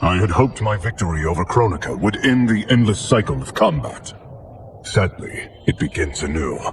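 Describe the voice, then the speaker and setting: An actor playing a weary guardian deity, solemn and formal, in a video game cutscene. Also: male voice, low-pitched, lively intonation, normal speed, gravelly, slight background noise. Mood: grave. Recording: cinematic music under dialogue.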